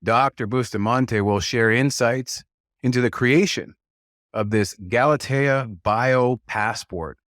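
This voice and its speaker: A man's voice: medium pitch, takes it slowly, fairly bright tone, no echo, clean studio sound. A man hosting a podcast, reading an earnest scripted welcome and then chatting casually with his guest. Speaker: podcast host.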